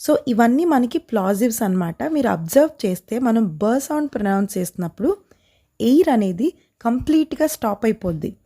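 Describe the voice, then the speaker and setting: A woman with a Telugu accent teaching English pronunciation, sounding out example words slowly and repeating each sound, sometimes playfully stern. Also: fairly high pitch, lively intonation, mellow, slightly rough. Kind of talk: phonics lesson with example words.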